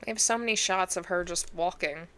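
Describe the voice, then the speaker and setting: A hoarse, congested woman hosting a movie reaction, chatting casually and talking back at the screen with sass. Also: on the low side, fairly quick, very noisy.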